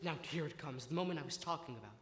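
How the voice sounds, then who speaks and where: An actor playing a wistful, chatty theatre fan who narrates to the audience, talking in a confiding, digressive way. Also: male voice, fairly high pitch, lively intonation, racing, a bit bright. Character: wistful, rambling middle-aged male theatre fan. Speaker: stage narrator. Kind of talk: stage musical acting. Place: theatre stage. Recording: echoey theatre hall.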